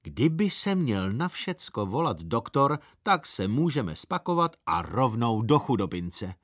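A man voicing a stingy, nagging middle-aged aunt in a very thin, high, scolding voice for a storybook reading. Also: very animated, fairly bright tone, no echo, clean studio sound. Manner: scolding and preachy.

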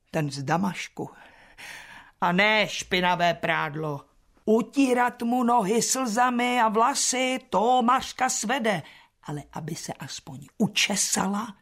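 An actress playing a put-upon old spinster housekeeper who grumbles dryly in a chatty radio play. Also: female voice, medium pitch, slightly rough. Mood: grumbling. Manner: dry, chatty complaining with soft asides.

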